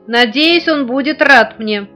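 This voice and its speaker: A woman doing an excitable spinning-top toy. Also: a little slow. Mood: excited. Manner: excited, loud, high. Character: restless chattering female spinning top toy. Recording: dull lo-fi recording, faint guitar.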